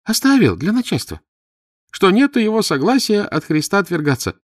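A man voices a shy, naive young village girl in folksy village speech, pushing his exaggerated voice high above his natural pitch with huge swings. He speaks at a moderate pace, and the clean studio recording has no echo.

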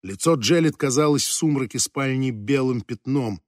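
A man reading a fantasy novel aloud as an audiobook narrator, with measured, slow, dramatic phrasing that sinks at the ends of phrases. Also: mid-range voice, dry recording, studio quality.

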